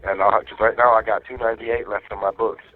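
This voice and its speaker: A low-voiced man rattles off his words quickly on a prison phone. His casual, slangy talk comes through a thin, tinny jail phone line. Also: level tone, soft background music. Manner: fast, slangy, affectionate. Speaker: jail inmate calling his wife. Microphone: jail phone handset.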